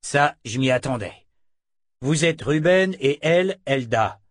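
A man's voice: medium pitch, animated, a little slow, no echo, pitched above the performer's own voice, lightly acted. A man voicing a morose giant coachman who grumbles in an exasperated way. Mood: grumbling. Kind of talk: audiobook character voice.

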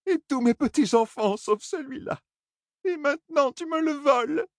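A man voicing a grieving old grandmother who cries and begs in a shrill, wailing voice. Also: lively intonation, moderate pace, no room sound, clean studio sound. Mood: sobbing. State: crying.

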